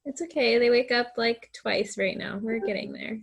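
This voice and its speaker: A woman on a team video call, a mother of twins, relaxed and laughing easily as she chats. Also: on the high side, normal speed, breathy edge. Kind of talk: casual video call chat.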